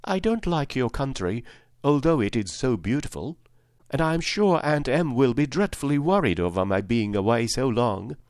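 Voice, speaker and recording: A man's voice: on the high side, moderate pace, dry recording, clean studio sound, voice pushed up, close to an everyday voice. A man voicing an earnest, pleading little girl far from home in a storybook reading.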